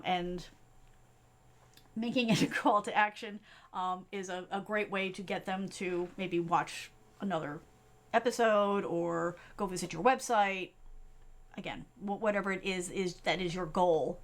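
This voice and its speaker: A middle-aged woman from the US East Coast giving a casual live-stream tutorial as a tech coach, talking fast and chatty with many fillers and "right?" tag questions. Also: mid-range voice.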